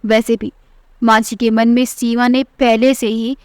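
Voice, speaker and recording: Smooth-voiced woman storyteller. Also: on the high side, level tone, measured pace, darkish tone, dry recording. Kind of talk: scripted story narration.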